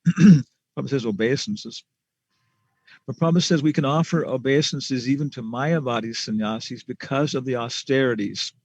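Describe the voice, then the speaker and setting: A man's voice: medium pitch, moderate pace, darkish tone, no echo, highs cut off. A man answering students' questions in a casual class, rambling with many fillers and chuckles.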